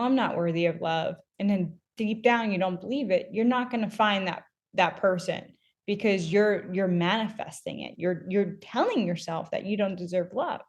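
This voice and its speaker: A woman co-hosting a wellness podcast, talking in an animated, emphatic way and filling her speech with "like". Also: mid-range voice. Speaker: podcast co-host. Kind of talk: casual podcast chat.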